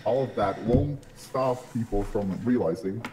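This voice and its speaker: A man speaks through a voice changer that drags his voice deep and low. He chats as a podcast guest, blunt and swearing all the time. A crowd murmurs clearly behind him. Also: measured pace, low-quality recording. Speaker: guest streamer. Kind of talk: casual podcast chat.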